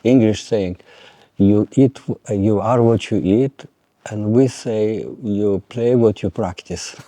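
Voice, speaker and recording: An older man, a violin teacher talking in a measured way, pausing to search for words and making dry jokes. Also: lowish voice, warm tone, no room sound. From Lithuania. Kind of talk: conversational interview.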